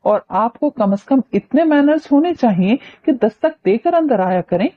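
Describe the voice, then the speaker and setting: A woman's voice: fairly high pitch, expressive, moderate pace, narrow, tinny audio, pitched above the performer's own voice, natural voice. A woman reading a novel aloud, voicing a touchy, easily flustered young woman who snaps back. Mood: irritated. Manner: irritated, sharp-tongued.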